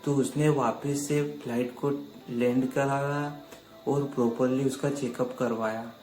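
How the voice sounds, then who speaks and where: A man tells a spooky story in a relaxed, mellow voice, chatting directly to his listeners as friends. His voice rings in an echoey room, with faint music playing behind him. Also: medium pitch, measured pace. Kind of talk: casual spoken storytelling.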